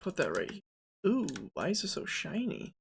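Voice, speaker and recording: A person in their early twenties streams game development, chatting casually and thinking aloud with jokes and plenty of fillers. The voice is medium-pitched with huge swings in pitch, a normal speed, and vocal fry, and there's a little hiss or hum in the audio.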